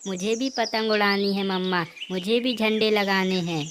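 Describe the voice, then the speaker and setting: A woman's voice: medium pitch, fairly even intonation, moderate pace, noisy background, lightly acted. A woman voicing an innocent, playful young girl sparrow in a cartoon. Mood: eager.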